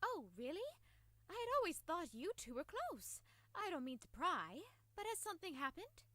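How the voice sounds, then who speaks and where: A genteel cartoon pony seamstress who lives for romance and gossip. The delivery is high and theatrical, with big melodic swings, in a dry recording. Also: female voice, big pitch swings, normal speed, sharp tone, dry recording, heavily acted. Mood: curious.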